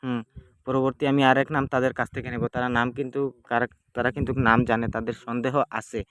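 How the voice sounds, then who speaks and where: A man's voice: medium pitch, level tone, quick pace, fairly bright tone. Guy explaining a ritual to his viewers, keeps repeating himself, plain mid voice, noisy home vid. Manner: repetitive, plain explaining, addresses viewers directly. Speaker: folk ritual practitioner. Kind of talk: casual spoken demonstration. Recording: clearly noisy home video.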